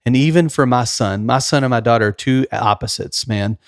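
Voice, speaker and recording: A man in his thirties hosting a casual podcast, sincere and direct, sharing plain sayings from his own life. His pitch is ordinary, in the middle range. The recording is dry and close, with no echo. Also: fairly quick. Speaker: podcast host.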